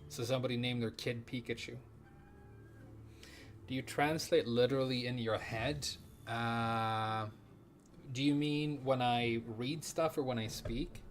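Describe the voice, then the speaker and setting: During a casual live stream, a man whose first language is Japanese plays a video game and talks in an unhurried, steady mid-range voice. He wanders from topic to topic, curses offhandedly, and reads chat questions out loud. There is slight background noise.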